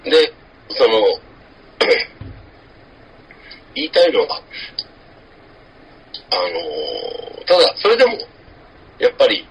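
A man co-hosts a relaxed podcast chat, often pausing to think with fillers. His voice is raspy and husky, with a lively, swinging pitch. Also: dull audio. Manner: thinks aloud with many fillers. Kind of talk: casual chat.

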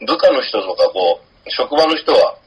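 Male co-host, mid-pitched and hesitant, filler-heavy casual talk on dull lo-fi audio. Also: very animated, husky. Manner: hesitant, halting with frequent fillers. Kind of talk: casual chat.

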